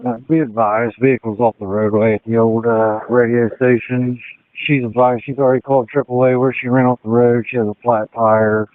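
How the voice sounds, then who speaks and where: A man's voice: mid-range voice, level tone, a little fast. A man giving clipped, procedural police radio traffic to dispatch over a two-way radio. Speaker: emergency responder radioing dispatch. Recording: tinny, band-limited radio transmission.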